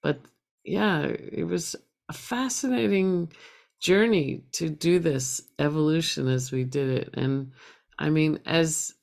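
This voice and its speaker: A woman's voice: low voice, takes it slowly, creaky, darkish tone. A woman reflecting on her art project on a video call, rambling and thoughtful. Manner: reflective, rambling, restarts often. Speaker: artist presenting a project.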